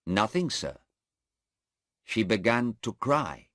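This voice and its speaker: A man's voice: fairly low pitch, big pitch swings, takes it slowly, a bit bright, no echo, clean studio sound, voice pushed up, heavily acted. A man voicing a hesitant, deferential male airport policeman in a story read aloud, testifying in court. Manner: hesitant and deferential, says sir.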